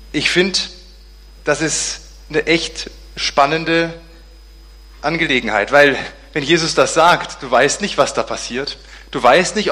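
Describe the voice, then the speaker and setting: A man preaching a sermon, telling a story in a lively way and acting out the dialogue in different voices. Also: mid-range voice. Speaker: pastor.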